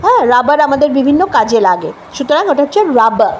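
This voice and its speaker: A woman's voice: high-pitched, sing-song, quick pace, a little hiss or hum, low-quality recording. A woman with a Bengali accent teaching English pronunciation at a board, spelling out each word letter by letter and repeating it for drilling. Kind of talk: classroom lesson at a board. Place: classroom with a board.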